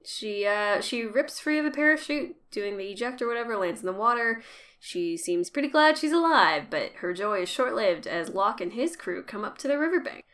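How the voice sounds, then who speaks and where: A woman's voice: medium pitch, expressive, fairly bright tone. Chatty woman recapping with wry asides. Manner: chatty, wry, quotes characters in quick voices. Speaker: podcast co-host recapping an episode. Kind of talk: casual chat and recap narration.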